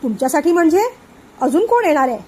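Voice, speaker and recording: A sulky young husband, fed up and melodramatic, read out by a woman narrator. The voice sits high and light for a man. It is told in a storybook reading. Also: sing-song, quick pace, a little mellow. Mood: aggrieved. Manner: melodramatic, rhyming complaints.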